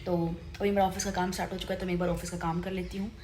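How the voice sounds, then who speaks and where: A young woman vlogging casually at home, chatty and quick, forever calling her viewers "guys". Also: lowish voice, flat delivery, noisy background. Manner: fast-talking. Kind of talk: casual vlog chat to camera. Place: at home and outside in the street.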